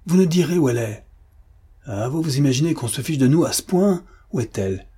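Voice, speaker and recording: A man reading aloud and voicing a hot-tempered young army captain who shouts threats forcefully. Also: fairly low pitch, a little slow, breathy edge. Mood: furious.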